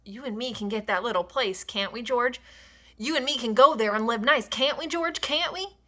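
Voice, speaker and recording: A woman's voice: fairly high pitch, normal speed, pushed and bright, voice pushed up. A woman reading the lines of a grieving old one-handed ranch hand, pleading and bitter.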